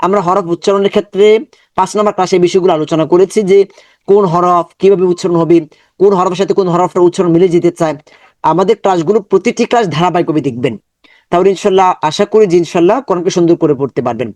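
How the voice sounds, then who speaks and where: A man with a Bangladeshi Bengali accent teaches an online Quran reading lesson, drilling Arabic syllables one by one between explanations. His high voice moves very fast and sounds a little mellow, with no echo.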